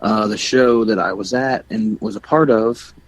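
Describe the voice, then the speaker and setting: A young man co-hosts a podcast in a relaxed, rambling way. His voice sits a little low. He often restarts his sentences and stops to plug shows and websites. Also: moderate pace, rough recording. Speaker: podcast co-host. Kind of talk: casual chat.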